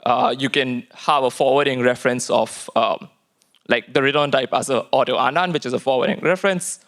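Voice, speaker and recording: A man giving an informal technical conference talk, halting and full of fillers and restarts. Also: medium pitch, fairly bright tone. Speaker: tech lead giving a conference lightning talk.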